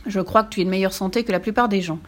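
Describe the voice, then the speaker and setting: A woman voicing a calm, kindly male doctor in a storybook reading, patient and reassuring. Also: mid-range voice, rapid-fire, natural voice.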